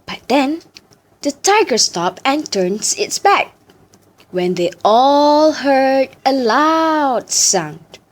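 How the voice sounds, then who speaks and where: High-pitched woman reciting a story slowly. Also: sing-song. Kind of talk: dramatic storytelling recitation for choral speaking practice.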